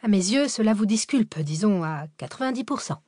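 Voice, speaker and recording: A woman reading an audiobook, voicing a sharp-tongued, sarcastic young woman researcher. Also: medium pitch, expressive, a little fast, dry recording, studio quality, natural voice. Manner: sarcastic, biting. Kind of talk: audiobook character voice.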